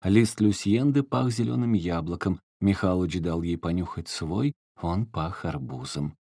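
A man narrating an audiobook in an expressive storytelling manner. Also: low-pitched, measured pace, breathy edge, no room sound, studio quality.

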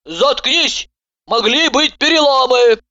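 Woman doing a hoarse stern lady doctor. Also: fairly low pitch, big pitch swings, takes it slowly, fairly bright tone, no echo, highs cut off, full character voice. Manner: curt, commanding. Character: stern, unflappable female doctor, hoarse and calm.

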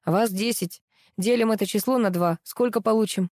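A woman's voice: mid-range voice, moderate pace, darkish tone, dry recording, studio quality, natural voice. A woman voicing an impatient male show director who barks orders at contestants. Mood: commanding. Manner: barking commands.

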